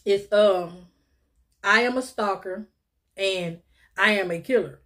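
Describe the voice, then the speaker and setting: A woman's voice: medium pitch, slow pace, a bit bright. A woman, chatting casually to viewers while eating in a mukbang vlog, calling them y'all and little sis. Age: 50s. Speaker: mukbang vlogger.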